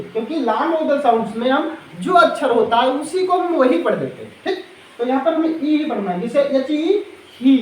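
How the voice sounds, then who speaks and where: A man's voice: very high voice, slight background noise. A male teacher giving a phonics lesson to children, often quizzing the class with repeated questions. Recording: echoey classroom.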